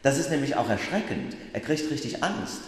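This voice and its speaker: A man's voice: medium pitch, sing-song, normal speed. A man preaching as pastor, speaking straight to his listeners and asking them questions. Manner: addresses listeners directly, asks them questions. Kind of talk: sermon about a book. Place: church. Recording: echoey church hall from a distance.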